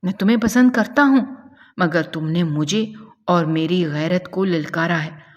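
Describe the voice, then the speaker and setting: A woman's voice: on the low side, darkish tone, long reverb tail, natural voice. A woman voicing a domineering young man who mocks and threatens a captive woman in a spoken story. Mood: menacing. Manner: mocking, menacing and possessive.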